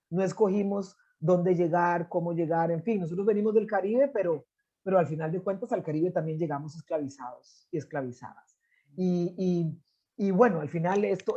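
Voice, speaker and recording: In a reflective mood, a Costa Rican woman who is an anthropologist and poet tells stories conversationally as an interview guest. Her fairly low, husky voice has a mellow tone, and she often restarts and uses the filler "este."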